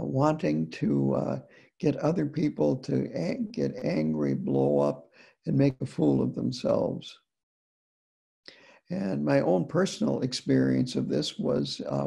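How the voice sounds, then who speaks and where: A man from the United States giving a dharma talk as a Buddhist teacher, unhurried and deliberate, with frequent pauses. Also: mid-range voice, vocal fry, dark tone, husky.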